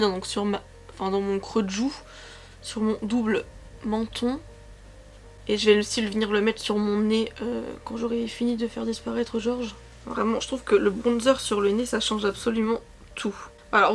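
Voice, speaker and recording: A woman in her twenties chatting casually about makeup from her couch at home, rambling and correcting herself with lots of fillers. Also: a little high. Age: 20s. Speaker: beauty vlogger.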